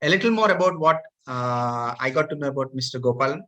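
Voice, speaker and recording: A man's voice: mid-range voice, animated, fast, bright, forceful tone, rough recording. A male host formally introducing and interviewing a coach, polite with some hesitations. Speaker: podcast host. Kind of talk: hosting an interview.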